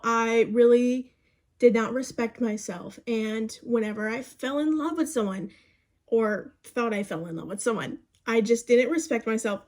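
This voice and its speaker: Her voice sits on the high side and sounds a little mellow as this twenty-ish young woman gives friendly, encouraging advice to her phone camera. She keeps calling her viewers "babes" and "you guys."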